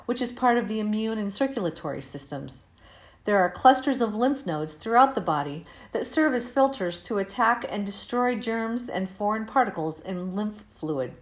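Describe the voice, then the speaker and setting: A woman in her fifties reading her own personal essay aloud in a candid, steady, measured way. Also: medium pitch. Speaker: narrator of her own story.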